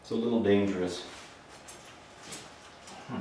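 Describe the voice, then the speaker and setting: In a casual workshop vlog, a motorcycle builder and channel host from Minnesota speaks at a measured pace in a low voice, relaxed and musing, thinking aloud with fillers. The camera mic roams his roomy home garage, so at times he sounds distant.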